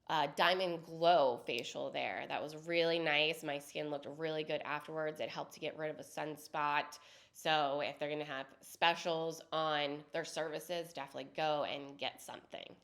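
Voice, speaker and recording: She sits low in pitch with a slightly bright quality, co-hosting a podcast despite a head cold. Chatty and easygoing, she lists off local events and their particulars like she's talking with a friend.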